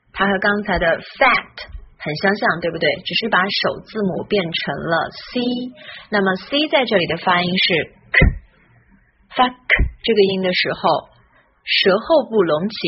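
A woman's voice: medium pitch, lo-fi sound, a little hiss or hum. A woman teaching English pronunciation, patiently drilling each sound and repeating words for practice. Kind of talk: pronunciation lesson.

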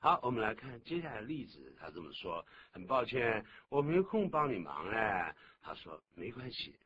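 A man hosts a radio English lesson in a low, lively voice. He explains patiently and keeps asking the listener questions. The recording is dull and noisy, like an old broadcast. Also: normal speed. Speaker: English teacher.

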